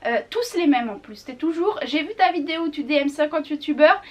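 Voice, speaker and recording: Upbeat young woman vlogging, high voice. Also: animated, a little fast, distant mic. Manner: chatty, upbeat, explains as she goes. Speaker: YouTuber. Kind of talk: casual vlog chat.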